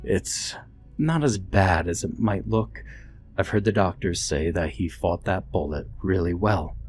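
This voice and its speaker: A man voicing a gentle, reassuring elderly woman nurse in a narrated horror story. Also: on the low side, big pitch swings, moderate pace, soft background music. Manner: soft, soothing, motherly.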